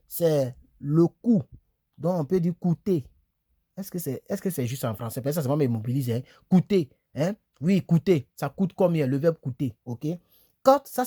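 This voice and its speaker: A man's voice: on the high side, dark tone, no room sound, studio quality. Chatty man teaching English verbs. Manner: chatty, repeats words slowly, asks "tu vois, non?". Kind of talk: casual video lesson. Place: small room, on a bed.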